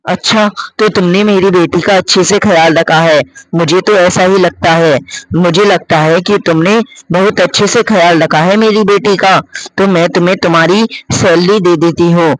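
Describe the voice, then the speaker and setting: A man's voice: sits high, fairly even intonation, moderate pace, close to an everyday voice, rough recording. A man doing a smug, cruel mother. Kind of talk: cartoon story voice acting.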